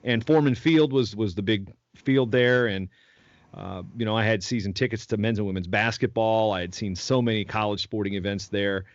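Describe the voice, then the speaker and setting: A man's voice: fairly low pitch, steady tone, moderate pace, no room sound. Guy in his 40s rambling through stories, dry dull-sounding recording. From Virginia. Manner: rambling storyteller with many restarts. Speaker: podcast guest. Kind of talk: casual conversational interview.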